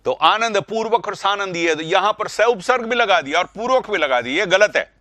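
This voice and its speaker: A man teaching Hindi grammar in a live online class, calling students by name, repeating words and getting loud when he corrects them. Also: high voice, fairly quick, no echo. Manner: animated, rising sharply when correcting.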